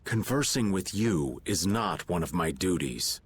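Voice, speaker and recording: A man's voice: low voice, animated, unhurried, slight background noise. A man voicing a weary middle-aged knight captain in a video game, speaking in a formal, restrained way. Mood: cold.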